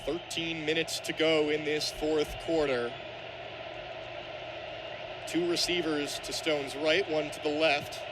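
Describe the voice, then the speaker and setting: Calling a football match live on radio from an outdoor stadium, the young lead commentator speaks slowly with long pauses. His voice is somewhat high and his pitch barely moves, while loud crowd-like noise surrounds him.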